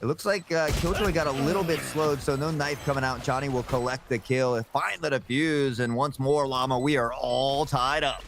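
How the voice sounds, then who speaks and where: A man doing esports caster play-by-play, calling game action in punchy, excitable bursts. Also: medium pitch, normal speed, hardly any pauses, background noise.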